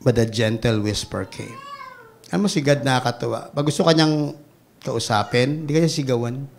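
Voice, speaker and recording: A Filipino man preaching a sermon with big swings between loud exclamations and hushed asides. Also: medium pitch, normal speed, creaky, a little hiss or hum. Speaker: pastor.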